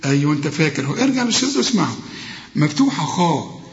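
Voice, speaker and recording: A high-voiced man with an Egyptian accent teaches Quran recitation, moving between slow chanted verses and brisk explanation. He puts questions to his student as he goes. The recording is a dull lo-fi tape with a long, roomy echo. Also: big pitch swings. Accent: Egyptian Arabic. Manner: alternates slow melodic recitation with quick colloquial explanation; addresses the student directly with questions. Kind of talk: tajweed lesson with recitation and explanation.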